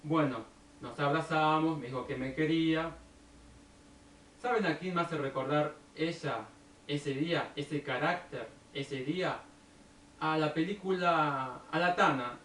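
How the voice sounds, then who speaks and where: A man with a Rioplatense Argentine accent telling a personal story at an unhurried pace and drawing a lesson from it. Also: fairly high pitch, fairly bright tone. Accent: Rioplatense Argentine Spanish. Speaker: video blogger. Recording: echoey room, distant from the mic, faint background noise.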